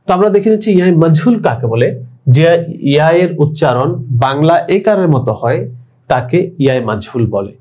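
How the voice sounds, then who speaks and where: A man teaching an online language lesson, patiently spelling out letters and repeating each example slowly. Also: on the high side, expressive, darkish tone. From Bangladesh.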